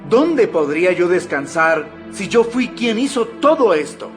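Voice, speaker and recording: Impassioned high-voiced preacher Stephen. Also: male voice, very animated, measured pace. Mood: solemn, declaiming. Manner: oratorical, emphatic, declamatory. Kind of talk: dramatized audio Bible acting. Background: background music.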